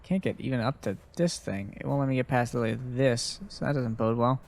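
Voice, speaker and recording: A man's voice: mid-range voice, fairly quick, vocal fry. A young man casually commentating a video game, chatty and swearing freely, reading game notes aloud. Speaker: let's play host. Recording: faint background noise.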